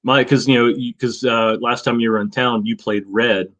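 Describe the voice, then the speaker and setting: A man's voice: medium pitch, steady tone, normal speed, a bit bright. A man in his fifties hosting a casual chat, laid-back and swearing freely. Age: 50s. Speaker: host.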